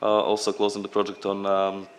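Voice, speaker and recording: Guy presenting at a conference, kinda low voice, loose and unscripted. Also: completely flat delivery, fairly quick, slight background noise. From Latvia. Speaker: program representative at a conference.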